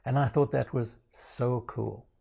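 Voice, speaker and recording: A man's voice: medium pitch, steady tone, unhurried, creaky, warm tone, breathy edge. A man from Africa, presenting a scripted introduction with dry, self-mocking humor. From South Africa. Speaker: program founder presenting.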